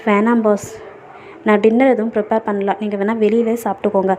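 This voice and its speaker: A woman's voice: medium pitch, level tone, a little fast, a little hiss or hum, natural voice. Woman voicing a sad, withdrawn young woman. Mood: subdued. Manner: soft, subdued.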